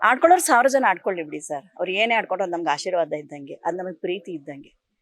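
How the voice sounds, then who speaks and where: A middle-aged woman, an actress, speaking emotionally in an interview, sometimes tearful, with pauses and restarts. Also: fairly low pitch, expressive.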